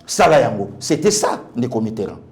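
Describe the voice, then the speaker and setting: A man with a Congolese accent, appearing as a guest pastor, gives fiery political commentary full of emphasis, repeated phrases, and rhetorical questions. He speaks briskly in a mid-range voice, very animated.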